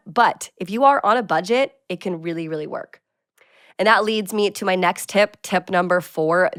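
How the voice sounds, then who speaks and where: A woman in her twenties hosting a casual advice podcast, chatty and bubbly, with quick bursts of excitement. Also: on the low side, dry recording, studio quality. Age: 20s. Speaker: podcast host.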